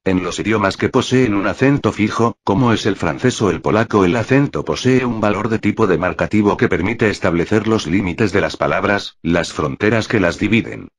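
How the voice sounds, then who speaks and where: A man reading a dictionary entry aloud as scripted narration, in a steady, measured way. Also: on the low side.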